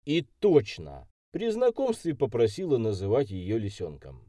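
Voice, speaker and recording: Dark-voiced lively male audiobook narrator. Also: mid-range voice, measured pace, dry recording, clean studio sound. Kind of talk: audiobook reading.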